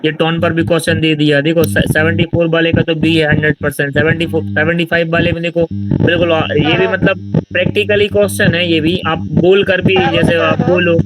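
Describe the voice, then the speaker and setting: A man's voice: a little high, little pitch movement, fairly quick, loud music behind the voice. A man giving an informal exam-prep literature lecture, explaining answers and checking in with his listeners. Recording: distant mic with loud background noise.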